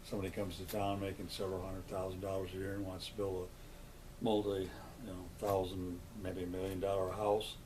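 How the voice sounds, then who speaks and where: In a low-quality recording with slight hiss or hum, an older man who has long lived locally speaks briskly in a low-pitched, flat and slightly mellow voice. As the interviewee in an oral history, he's plain-spoken and conversational, putting questions to himself and answering them.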